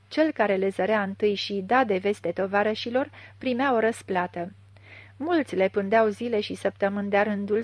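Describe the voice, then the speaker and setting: A woman's voice: medium pitch, dry recording. Woman reading a literary story. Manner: measured, expressive reading. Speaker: audiobook reader. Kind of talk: literary audiobook narration.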